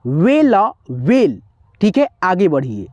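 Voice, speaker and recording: A woman teaching a lesson, spelling words out slowly letter by letter and quizzing the listener. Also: on the low side, huge pitch swings, dark tone, no room sound, dull audio. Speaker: English teacher. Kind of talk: classroom-style spelling lesson.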